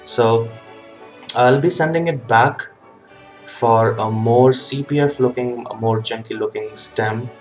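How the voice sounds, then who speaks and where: A man talking casually to a webcam as a hobby video host, in a halting way with frequent ums and pauses. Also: medium pitch, soft background music. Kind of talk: casual vlog talk. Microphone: webcam setup.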